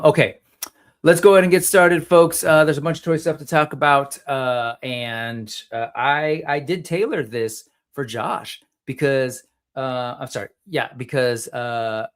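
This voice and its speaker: A man's voice: medium pitch, measured pace. A man hosting a casual solo livestream about toy collecting, rambling and often interrupting himself with self-deprecating asides.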